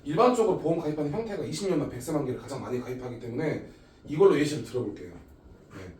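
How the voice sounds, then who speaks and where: A man's voice: medium pitch, very fast. A man in his thirties, an insurance agent giving a step-by-step explanatory lecture, often starting with "자". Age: 30s. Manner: lively, explains step by step with frequent "자". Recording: echoey room, voice a bit far from the mic.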